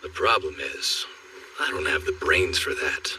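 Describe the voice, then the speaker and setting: A man voicing a burly male warrior in an anime English dub, measured and wry with dry humor. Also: extremely low pitch, expressive, bright, forceful tone, a little hiss or hum, full character voice. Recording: distant voice with faint score.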